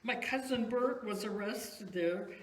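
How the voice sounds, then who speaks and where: In a roomy, echoing space with some noise, a woman plays a stubborn older wife in a comedy skit. She speaks slowly and emphatically, dismissive and firm. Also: mid-range voice, close to an everyday voice. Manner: emphatic, deliberate refusals. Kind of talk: amateur church comedy talk-show skit. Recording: roomy echo, background noise.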